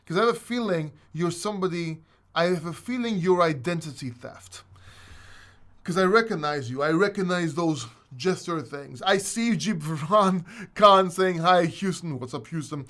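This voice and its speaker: A man's voice: on the high side, normal speed, fairly bright tone. Chatty Greek man hosting a live stream. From Greece. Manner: chatty, rambling, with restarts. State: a little winded. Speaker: host. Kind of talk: casual live-stream chat.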